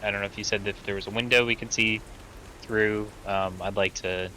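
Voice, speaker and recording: A man's voice: lowish voice, fairly even intonation, brisk, bright, forceful tone, a little hiss or hum, rough recording. A man playing a tabletop game, cautious and a little hesitant as he speaks. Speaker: player. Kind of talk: casual tabletop play.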